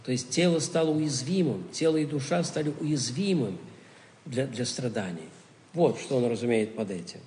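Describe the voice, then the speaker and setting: A man's voice: on the high side, a little mellow, in a large hall, a little hiss or hum. A man giving a spoken theology lecture, asking rhetorical questions and answering them himself, often stopping and restarting words.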